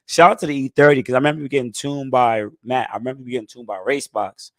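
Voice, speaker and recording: Talking fast in a mid-range voice with fairly even intonation, a man in his thirties runs a casual live stream, responding to chat. He's hoarse from recovering a lost voice, laid-back and conversational, and keeps saying "you know what I'm saying." There's no echo.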